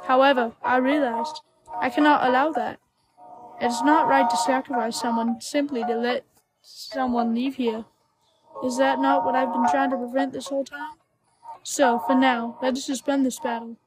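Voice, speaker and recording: A woman voicing a gentle, motherly female goat monster who speaks formally and kindly, in a fan dub of a game. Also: sits high, fairly even intonation, moderate pace, over loud music, natural voice, poor audio. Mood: tender. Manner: formal, soft-spoken and kind.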